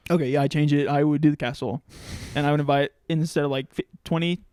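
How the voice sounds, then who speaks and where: A man's voice: on the high side, steady tone, darkish tone, clear, resonant tone, dry recording, studio quality. A young man as a podcast guest in casual chat, easygoing and agreeable. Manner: easygoing, agreeable, quick to laugh.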